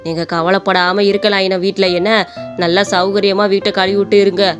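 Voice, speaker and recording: Woman playing a deep-voiced old exorcist. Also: a little fast, highs cut off, music in the background, natural voice. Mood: soothing. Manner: calm, firm, warning. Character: stern older male exorcist priest.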